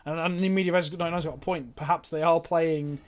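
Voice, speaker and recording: A man with a slightly higher voice talks over a livestream headset mic. He chats casually and thinks aloud, walking through each play of a card game as he goes. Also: steady tone, fast talker. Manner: chatty, thinks aloud while playing cards. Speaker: streamer. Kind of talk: casual gameplay commentary.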